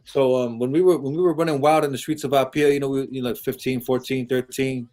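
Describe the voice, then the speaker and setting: Man, from Samoa, host, casual storytelling, swears, laughs often, middle pitch. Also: steady tone, fast talker, dark tone. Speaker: podcast host reading live-stream comments.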